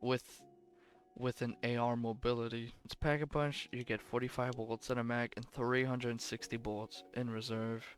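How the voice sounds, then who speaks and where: Ranking game weapons, a young commentator talks offhandedly, wandering off track and fixing his own statements. He sounds sleepy, his voice worn from long recording, and his mid-range delivery is flat at a normal speed over soft background music.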